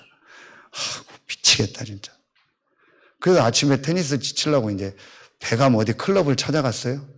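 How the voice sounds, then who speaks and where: Male pastor, 50s, mid-pitched, lively up-and-down delivery, acts out dialogue in sermon anecdotes. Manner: animated storytelling, acting out both sides of conversations; blunt, colloquial.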